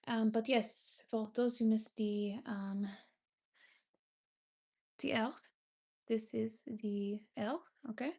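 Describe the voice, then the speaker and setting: A woman's voice: on the high side, steady tone, slow, creaky, long pauses, a little mellow. A young woman from France, a native French speaker with a French accent, chatting casually on her livestream, thanking viewers and sometimes searching for English words. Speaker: livestream host.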